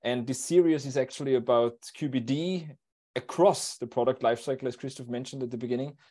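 A man presenting a technical talk at an online seminar in a steady, explanatory way, over a video call. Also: medium pitch, a little fast. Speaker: invited speaker.

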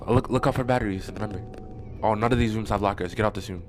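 A man's voice: lowish voice, fast, over music. A scared young man doing casual horror game commentary with a friend, jumpy and swearing, prone to screaming. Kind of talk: casual gaming commentary with a co-player. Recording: noisy gaming mic with clicks.

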